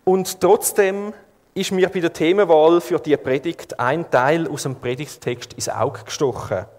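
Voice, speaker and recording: A man with a Swiss German accent preaching a sermon to his congregation, calm and measured, painting scenes vividly as he speaks. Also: fairly high pitch, long reverb tail.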